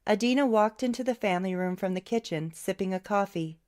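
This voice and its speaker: A woman reading a novel aloud as an audiobook narrator, in a steady, even storytelling way. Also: medium pitch, brisk. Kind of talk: scripted narration.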